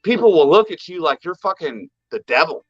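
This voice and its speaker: A man's voice: a little high, expressive, fairly quick, husky, no room sound, soft background music. Rambling man, slightly muffled. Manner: rambling, trailing off and restarting. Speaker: podcast co-host. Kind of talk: casual crude chat.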